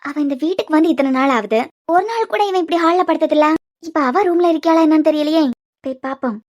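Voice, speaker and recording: A woman's voice: high voice, fast talker, a little mellow, dull audio, close to an everyday voice. A woman voicing a scheming stepmother villain in a cartoon series, muttering and gloating to herself with a Kanyakumari accent. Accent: Kanyakumari Tamil. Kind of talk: cartoon web series voice acting.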